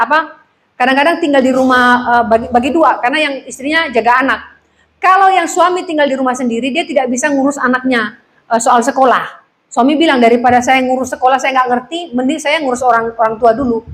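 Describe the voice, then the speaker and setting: High-voiced woman pastor, lively sermon. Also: low-quality recording. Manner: lively storytelling, acting out gossiping neighbours.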